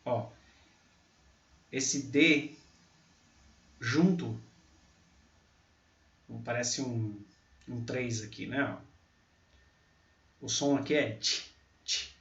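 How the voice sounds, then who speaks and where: A man teaching a pronunciation lesson, slowly repeating example words out loud. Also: mid-range voice. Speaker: English teacher. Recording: echoey, distant, dull mic.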